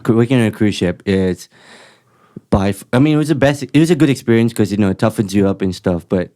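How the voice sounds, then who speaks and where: A young man from Malaysia, a chef guest on a podcast, talking casually in halting sentences with frequent restarts. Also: on the low side, no room sound, studio quality. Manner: relaxed, halting speech with frequent restarts and chuckles. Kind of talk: casual chat.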